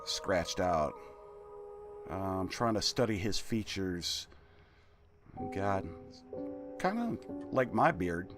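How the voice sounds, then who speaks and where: A man's voice: sits low, big pitch swings, slow, pauses often, over music. A man with a slushy lisp on his s sounds giving casual, jokey video game commentary, muttering asides and reading notes aloud.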